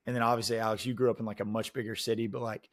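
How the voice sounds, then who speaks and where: A man in his late twenties telling stories in a casual, animated chat and acting out the people in them. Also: lowish voice, racing, no echo, clean studio sound. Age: late 20s. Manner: animated storyteller, full of "dude" and "like".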